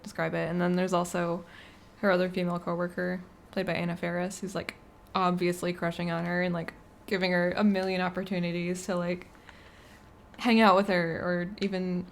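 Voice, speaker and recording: A woman co-hosting a podcast, chatting casually about movies in a soft, hedging way. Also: lowish voice, little pitch movement, brisk, creaky, slight background noise. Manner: soft-spoken, trails off, hedging. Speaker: podcast co-host. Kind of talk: casual movie review chat.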